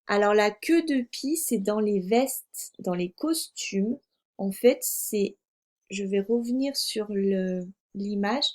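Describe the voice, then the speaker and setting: A first-grade teacher gives young children a reading lesson in a medium-pitched, darkish voice, taking it slowly. Patiently, she repeats words and spells them out letter by letter for dictation.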